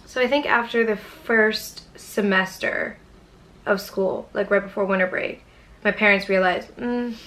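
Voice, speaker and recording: Her voice is medium in pitch, fairly even, a bit bright, and a little slow. Talking to her camera mic, this young YouTuber chats through a storytime vlog, swearing freely and leaning on fillers like "um" and "anyways".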